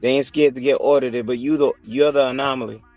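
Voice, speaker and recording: A man's voice: medium pitch, steady tone, fast talker, a little mellow, dull audio, faint music behind. A man in a heated panel debate, confrontational and scolding, with rhetorical turns of phrase.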